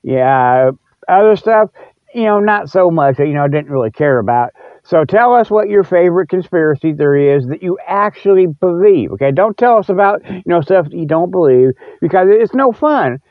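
This man's voice sits high and sounds animated at normal speed, with no echo. As host of a podcast, he delivers a casual, rambling solo monologue in a folksy, repetitive, halting style over narrow, phone-like audio.

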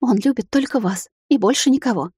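A woman voicing a frightened young female vampire maid who pleads in a high, breathless voice. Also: a little fast, mellow, slightly rough, dry recording, studio quality. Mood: pleading.

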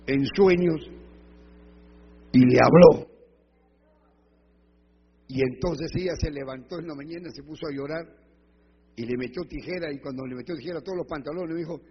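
A male pastor preaches, telling stories and acting out the voices of his church members. His voice is fairly high and very husky. The church recording is dull and lo-fi, with a long reverb trailing off the walls. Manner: storytelling, acting out quoted voices, rising to loud emphatic peaks. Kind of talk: sermon.

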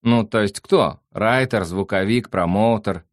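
A man voicing a flighty young party girl with a high thin voice who pesters with questions. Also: unhurried, no room sound, studio quality, natural voice. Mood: pestering.

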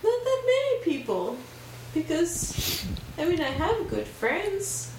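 High-voiced giggly woman in an echoey room. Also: very animated, slow, a little mellow. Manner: giggly, self-deprecating, laughs often. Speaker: podcast guest. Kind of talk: casual podcast chat. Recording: echoey room, distant mic, noisy background.

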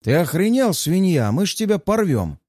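A brutish, hot-headed young warrior, as a male narrator puts him on, snarling and shouting his threats in a high, forceful voice. The voice swings up and down, recorded close and dry. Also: big pitch swings, moderate pace, dry recording.

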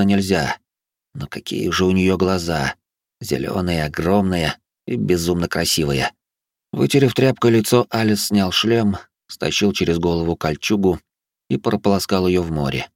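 A man narrating a fantasy audiobook in a steady, measured way. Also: sits low, no echo, clean studio sound.

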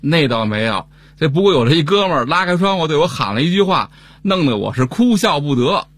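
A man playing the son in a scripted radio comedy dialogue, telling a lively story. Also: fairly high pitch, brisk, no room sound. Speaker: son in a family comedy sketch.

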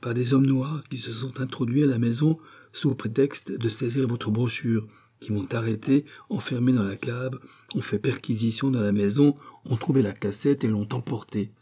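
A man's voice: medium pitch, fairly even intonation, moderate pace, warm tone, breathy edge, close to an everyday voice. A man playing an eager revolutionary ally. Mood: agitated.

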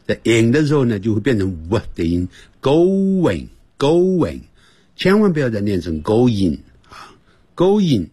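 A man teaching an English lesson on the radio. He explains grammar patiently and sounds words out slowly, several times over, to show how they should be said. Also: mid-range voice, a little mellow, husky, no room sound. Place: radio studio.

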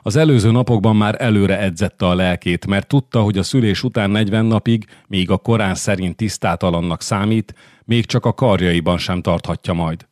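Deep-voiced man narrating an audiobook. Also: fairly even intonation, darkish tone, no room sound, clean studio sound. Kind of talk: scripted narration.

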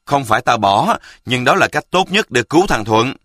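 A man's voice: medium pitch, very animated, moderate pace, a bit bright, no room sound. A man voicing a bold, scheming boy who leads his friends and mocks them in a cocky way. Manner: mocking, cocky.

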